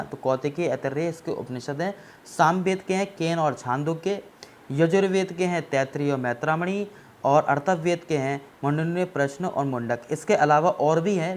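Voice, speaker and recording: A man's voice: fairly high pitch, a little mellow. A man teaching an exam-prep history lesson, explaining step by step and often checking that students follow, with English words mixed into his Hindi. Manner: explanatory, repeats "ठीक है ना" to check understanding.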